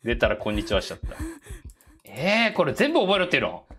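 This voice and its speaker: A woman's voice: rumbling low, sing-song, fast, heavy background noise. A woman giving casual horror game commentary, muttering to herself in short phrases. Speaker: game streamer.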